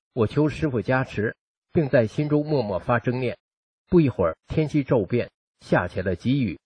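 A man reading a first-person account aloud in a steady, even narrating manner. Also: mid-range voice, husky, no echo, dull audio. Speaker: reader of a personal testimony.

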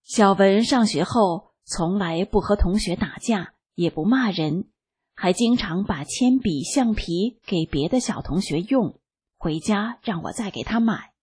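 A woman reading a first-person testimony aloud as scripted narration, in a slow, calm and even manner. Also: mid-range voice, husky. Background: faint background music.

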